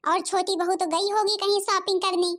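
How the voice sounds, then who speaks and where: A woman voicing an angry, sharp-tongued young daughter-in-law in a cartoon, scolding and snapping. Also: very high voice, level tone, normal speed. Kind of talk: Hindi cartoon voice acting.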